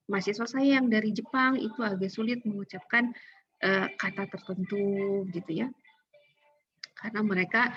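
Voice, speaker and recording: A woman university lecturer giving a casual, chatty lecture, often tagging her sentences with fillers. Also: a little high. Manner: chatty, frequent "gitu ya" fillers, animated asides. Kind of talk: recorded lecture. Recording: dull lo-fi lecture recording.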